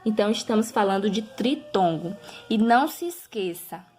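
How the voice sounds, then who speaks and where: A woman, a primary school teacher recording a review lesson for children, talking slowly and patiently, drawing out example words and often checking in with her listeners. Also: medium pitch, lively intonation, a little mellow, faint music behind.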